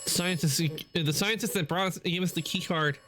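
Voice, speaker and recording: A man's voice: high-pitched, moderate pace, a bit bright, slight background noise. A man giving casual commentary as he plays a game.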